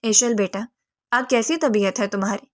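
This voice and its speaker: Woman doing a fussy caring auntie, kinda high voice. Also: lightly acted. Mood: concerned. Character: caring middle-aged aunt, fussing.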